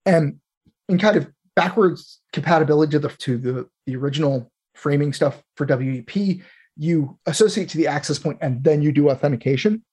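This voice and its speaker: A man's voice: on the high side, a little fast, darkish tone, husky. A man in the role of host, talking through technical material in an informal, explanatory way and thinking aloud as he goes.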